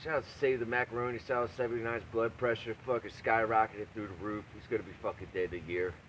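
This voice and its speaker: A man with a fairly low voice rambles in a loose, foul-mouthed vlog style. He is brash and crude, often repeating phrases for emphasis. There is noticeable background noise on the amateur recording. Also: flat delivery, quick pace, fairly bright tone, poor audio. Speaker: video blogger and home cook. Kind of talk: profane, casual rambling rant to camera.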